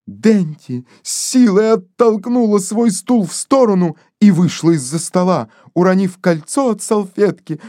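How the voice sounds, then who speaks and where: A woman narrating an audiobook in a measured, unhurried reading. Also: mid-range voice, dark tone, no echo, clean studio sound. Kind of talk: scripted narration.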